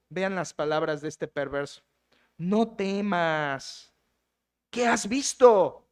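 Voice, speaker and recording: A man pastor preaching a sermon, asking rhetorical questions and slowing down to stress scripture quotes. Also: sits high. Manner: teaching, addresses congregation as brothers, rhetorical questions; slows and stresses key phrases when reading scripture.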